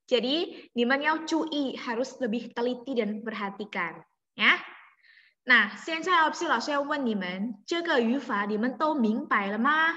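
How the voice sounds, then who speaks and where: A woman teaching a Mandarin class online, explaining slowly and closing phrases with little tag words. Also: fairly high pitch, bright, forceful tone. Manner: explains slowly, mixing languages, ends phrases with "ya" and "gitu". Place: home room on a video call. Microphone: laptop mic on a video call. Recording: roomy lo-fi video call audio.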